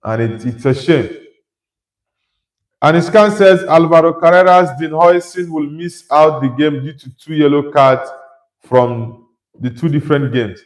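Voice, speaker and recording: In an echoey room and on a rough recording, a young man from Nigeria reads his football livestream's chat aloud and responds conversationally with his views. His voice is on the high side and his pace is measured.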